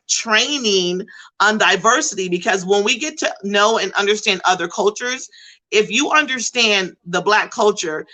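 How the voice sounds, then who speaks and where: A middle-aged woman, a school behavior specialist, telling stories in an animated, emphatic way during a panel discussion. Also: mid-range voice, moderate pace, rough recording. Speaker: behavioral support intervention specialist.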